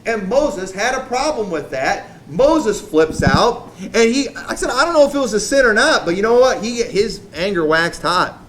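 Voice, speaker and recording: A male pastor preaching a fiery sermon, impassioned and rising to shouts, with casual conversational asides. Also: sits high, sing-song, normal speed, hardly any pauses. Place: church sanctuary.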